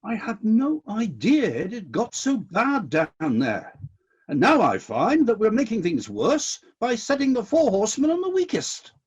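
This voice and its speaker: A man plays a disillusioned God ruling heaven in a radio play, indignant and commanding, deliberate and decisive, sounding hurt and disappointed. His husky voice sits high for a male and swoops wildly in pitch in an exaggerated way. The highs are cut off in the recording.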